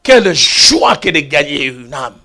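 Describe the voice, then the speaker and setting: Preaching a sermon to his congregation in church, this man has a bright, ringing voice that sits on the high side. He is very animated and a little slow, dropping to hushed asides before bursting into loud exclamations.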